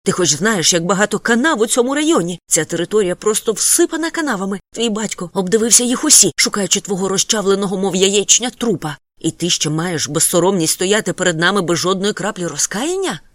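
A reader voicing a fiery mother in her late forties who scolds her son loudly and dramatically with rhetorical questions. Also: medium pitch, very animated, fast, hardly any pauses, no echo. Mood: scolding. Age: 40s.

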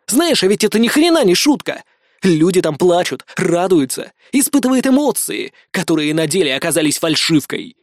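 A man's voice: sits high, very animated, moderate pace, no room sound, pitched above the performer's own voice. A male reader voicing a scheming alien woman who controls a host body, mocking and bossy, recorded close on a dry studio mic.

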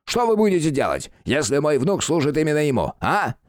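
A rowdy old grandfather shouts and brags from a cell, as a man voices him in an audiobook. His voice swings widely in pitch, and the recording is dry and close. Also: very animated, a little fast, dry recording. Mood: shouting, taunting. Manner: yelling, taunting and boastful. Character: loud cantankerous old village grandfather. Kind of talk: audiobook character voice.

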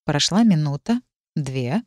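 Measured woman narrating a story. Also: deep voice, expressive, no room sound, studio quality. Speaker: audiobook narrator. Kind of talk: first-person scripted narration.

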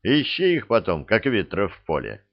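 A man's voice: fairly low pitch, wildly swooping pitch, normal speed, gravelly, highs cut off, exaggerated voice. A man reading an older, grey-mustached Cossack who speaks dismissively and with doubt. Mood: skeptical.

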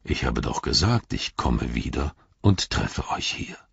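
A man voicing an ancient, wise wizard who speaks in a grave, measured, riddling way in an audiobook reading. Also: a bass voice, very animated, creaky, husky, no room sound, dull audio, voice pushed down, heavily acted. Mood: solemn.

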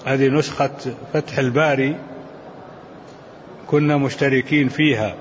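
رجل مسن يشرح درسًا علميًا بتأنٍّ. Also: male voice, medium pitch, steady tone, long reverb tail. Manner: measured, reads quoted texts in a chanting lilt. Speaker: sheikh teaching a commentary. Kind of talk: scholarly lesson, reading and explaining texts. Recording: dull, lo-fi recording with faint noise.

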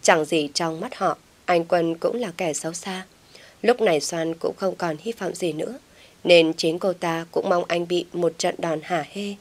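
A woman narrating a dramatic village story as an audiobook in a steady storytelling voice. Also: lowish voice, unhurried.

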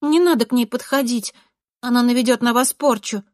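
A woman's voice: a little high, brisk, no room sound, clean studio sound, pitched above the performer's own voice, natural voice. A woman voicing a young schoolgirl who insists and warns the others off. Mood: insistent. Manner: insistent, warning.

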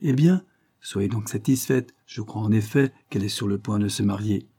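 A man reading aloud, voicing a calm, self-possessed young male lawyer who speaks firmly but with good humour, in a storybook reading. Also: on the low side, moderate pace, husky. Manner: firm, evasive, good-humoured.

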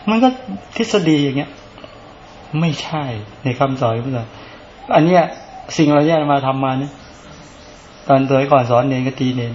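A man's voice: mid-range voice, moderate pace, long pauses, a little mellow, muffled recording, a little hiss or hum. A male Buddhist monk giving a casual dharma talk, talking conversationally and often asking rhetorical questions.

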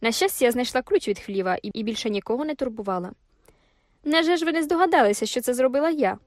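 A woman's voice: fairly high pitch, lively intonation, fast talker, no room sound, studio quality, close to an everyday voice. A woman reading an audiobook, voicing a proud young woman farm owner with cool, haughty retorts.

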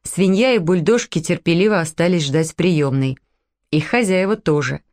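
A woman narrating a humorous story as an audiobook, reading in a lively, playful way. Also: on the low side, moderate pace.

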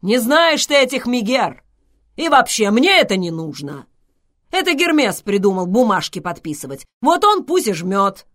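Woman reading grumpy loud god guy, yelling complaints, bossy. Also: a little high, big pitch swings, normal speed, voice pushed up. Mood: indignant. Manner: roaring, indignant outbursts.

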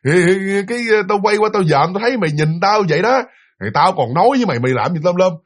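A man's voice: sits high, lively intonation, husky. A man doing a brash teasing young woman. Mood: puzzled. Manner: mocking, blunt, repeats words rapidly.

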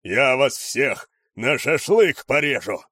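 A man's voice: medium pitch, expressive, slow, a bit bright, breathy edge, no room sound, clean studio sound, pitched above the performer's own voice, exaggerated voice. A man voicing a huge, furious fat cook in a storybook who roars. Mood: enraged. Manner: roaring, furious.

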